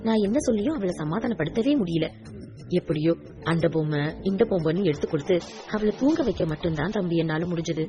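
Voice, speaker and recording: A woman doing a gentle motherly aunt. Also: fairly low pitch, quick pace, a crowd in the background, lightly acted.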